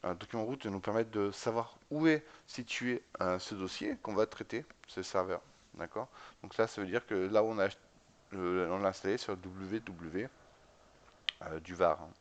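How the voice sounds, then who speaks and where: Male instructor, fairly low voice, relaxed screen-recorded tech lesson, frequent fillers and check-ins. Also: normal speed. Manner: casual, many fillers, spells out commands letter by letter; often checks in with "d'accord?". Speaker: tutorial instructor. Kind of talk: screen-recorded command-line tutorial.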